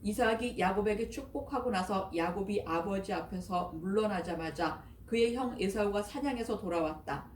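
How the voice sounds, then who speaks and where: A woman reading scripture aloud in a measured way. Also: medium pitch, a little mellow. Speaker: scripture reader. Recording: echoey, distant, faint noise.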